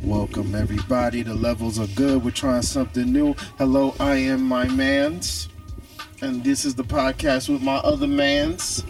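A man co-hosting a comedy podcast, playful and quick to laugh, bantering from inside a parked car. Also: medium pitch, animated, gravelly, recorded from a distance, soft background music. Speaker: podcast co-host.

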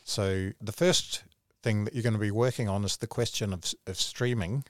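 A man's voice: on the low side, fairly even intonation, moderate pace, no room sound, studio quality. A man hosting a podcast interview, friendly, leading with questions and summaries. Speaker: podcast host.

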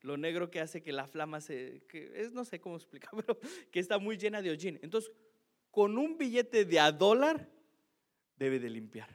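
A male pastor preaching in a loose, chatty way, poking fun at his own mistakes. His voice sits a little high for a man, and he keeps tagging his lines with a quick "¿no?". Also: very animated. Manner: self-mocking, chatty, keeps asking "¿no?". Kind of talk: sermon with a humorous personal story.

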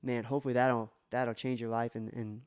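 A man's voice: mid-range voice, little pitch movement, fairly quick, a little mellow, smooth. Earnest man sharing faith on a podcast. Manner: earnest, emotional testimony with many restarts. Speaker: podcast co-host. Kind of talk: casual faith podcast talk.

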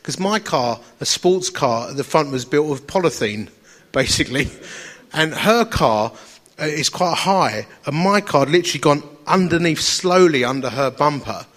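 Essex bloke preaching, bit higher voice, chatty wry storytelling, takes the mick out of himself. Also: male voice, expressive, moderate pace, a bit bright. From Essex, England. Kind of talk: anecdotal sermon to an audience.

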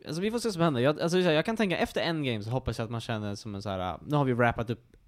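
A man co-hosting a casual podcast chat, animated and chatty with lots of fillers. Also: mid-range voice. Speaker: podcast co-host.

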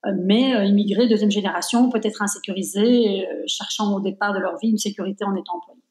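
A woman's voice: mid-range voice, steady tone, fast, a little mellow, echoey room. A woman in her fifties, born in Belgium, speaking as a guest in a conversational interview, reflective and emphatic, with many fillers. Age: 50s.

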